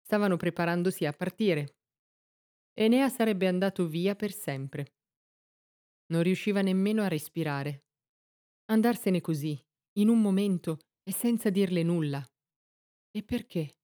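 Woman reading a story aloud, lowish warm voice, measured and expressive. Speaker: narrator. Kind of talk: scripted storybook narration.

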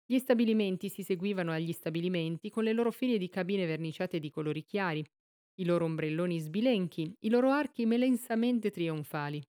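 A woman reading a literary novel aloud in a steady, measured storytelling manner. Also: fairly low pitch. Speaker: audiobook reader.

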